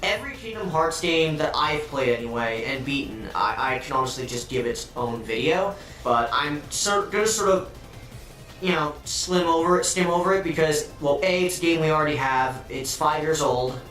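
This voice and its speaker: A man's voice: fairly high pitch, moderate pace. Man with doubled, robotic-sounding audio. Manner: excitable and sarcastic, swears freely. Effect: doubled, phasey robotic-sounding audio from an editing mistake. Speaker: video game vlogger. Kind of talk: casual game review talk. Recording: echoey, distant, doubled audio with faint music.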